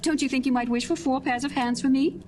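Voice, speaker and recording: A woman's voice: high-pitched, fairly even intonation, quick pace, a little mellow, a little hiss or hum, lightly acted. A woman playing a wry, fussing older wife and mother in a dramatic horror reading.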